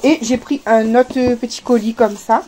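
A woman's voice: a little high, steady tone, measured pace, dark tone, slight background noise. A woman with a Réunion French accent, chatting casually to camera as she unboxes parcels, full of fillers and restarts. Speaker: vlogger.

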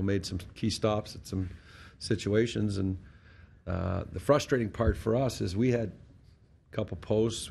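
A man's voice: fairly low pitch, gravelly, a little mellow, slight background noise. A middle-aged Canadian man answering reporters at a post-game press conference, blunt and matter-of-fact, talking into a desk mic. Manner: blunt, matter-of-fact, restarts words often. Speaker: hockey head coach. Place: press conference room in front of a sponsor backdrop. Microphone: desk mic on a stand.

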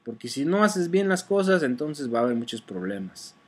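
Speaking at a normal pace with big swings in a slightly high pitch, this man teaches car sales online in a relaxed, conversational way. He keeps tossing in "¿verdad?" to check on his listener, with plenty of fillers and self-corrections. There's slight background noise.

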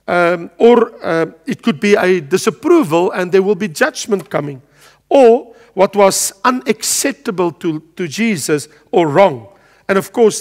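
A man in his sixties teaches a Bible study, his fairly high voice swooping up and down with lively inflection. He talks with animated energy and plenty of ums and uhs, and his words carry a long reverb tail as if in a big hall. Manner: animated, gestures broadly at a pulpit, frequent filler sounds. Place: studio with a world map backdrop, standing at a lectern.

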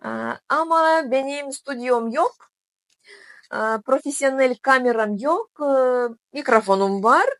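Slow, high-voiced woman, halting foreign-accented learner. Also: fairly bright tone, no room sound, clean studio sound. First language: not Turkish. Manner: halting, simple learner's Turkish with small grammar slips. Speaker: vlogger. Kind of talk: casual video diary to camera.

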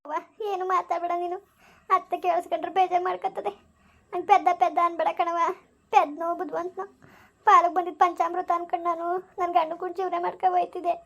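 A woman playing a soft-spoken young village wife. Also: very high-pitched, flat delivery, fast talker, gravelly, highs cut off, exaggerated voice. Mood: resigned. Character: young pregnant village wife, resigned and gentle. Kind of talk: village family drama.

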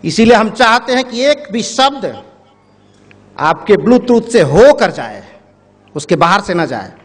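Male public speaker, high-pitched, storytelling, addresses the crowd directly, reverberant hall. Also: very animated, measured pace. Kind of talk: motivational speech with a parable. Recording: echoey hall.

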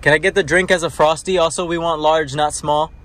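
A man's voice: fairly high pitch, steady tone, brisk, a bit bright, slight background noise. A man ordering food at a drive-through from a car, in a casual, offhand way. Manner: casual, teasing. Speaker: vlogger.

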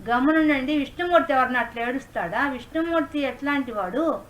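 A woman's voice: high voice, a little fast, fairly bright tone, poor audio. A woman spiritual teacher explaining scripture in an online class, mixing in English words.

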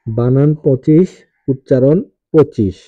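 A man teaching, reciting a spelling and pronunciation drill in a steady, repetitive way, saying each number twice. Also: mid-range voice, slow, dry recording, soft background music. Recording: tinny phone-like, dry sound.

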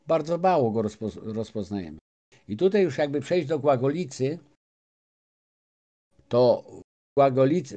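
A man's voice: mid-range voice, warm tone. A man, speaking as a guest and lecturing an audience, with frequent restarts and filler sounds. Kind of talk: lecture-style talk to an audience.

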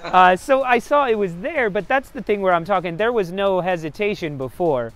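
A man in his forties hosting a casual football fan show, standing outdoors on a city stoop, animated and quizzing his guests. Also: high voice, moderate pace. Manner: animated, hand-waving, questions to guests. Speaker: host. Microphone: camera at a distance, standing.

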